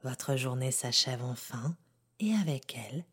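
A woman softly guiding a sleep meditation like a sleep story narrator, half-whispering in a calm, gentle, unhurried way. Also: extremely low pitch. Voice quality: soft, breathy, half-whispered. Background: music.

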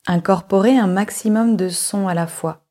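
A yoga nidra instructor guides a relaxation meditation, her mid-range voice giving calm, measured instructions with long pauses.

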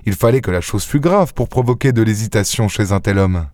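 A man reading a short story aloud in a measured, even storytelling manner. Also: fairly low pitch, no room sound, studio quality. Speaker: audiobook reader. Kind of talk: scripted narration.

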